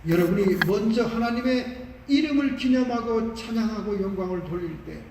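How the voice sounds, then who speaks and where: A male pastor preaching a sermon, telling stories with animated emphasis. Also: sits high, normal speed, a little hiss or hum. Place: large church sanctuary. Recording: echoey church hall from far off.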